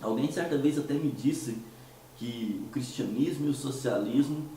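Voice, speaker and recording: The host of a commentary show talks through a casual monologue, unhurried and relaxed, tossing out rhetorical questions and restarting hesitantly. He's from Minas Gerais with a Mineiro Brazilian Portuguese accent, and a cold has left his dark, mellow, medium-pitched voice hoarse. The mic is well away from him, in a very echoey room with a faint noise floor.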